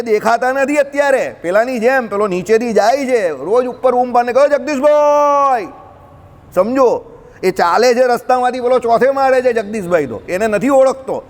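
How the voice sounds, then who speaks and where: A man giving a lively scripture discourse, talking straight to his listeners and slipping in English words. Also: high-pitched. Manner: lively, addresses listeners directly, mixes in English. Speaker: scripture teacher. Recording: long reverb of a hall.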